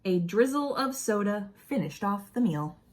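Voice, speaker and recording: A woman reading a children's picture book aloud expressively, with deliberate phrasing and asides for young listeners. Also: medium pitch, expressive, a little mellow.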